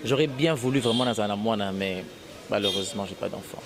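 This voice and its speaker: Speaking briskly at a fairly low pitch over crowd noise, this Congolese actor from Kasai, DRC, is being interviewed. His Congolese French accent comes through as he switches casually between French and Lingala, rambling and starting over.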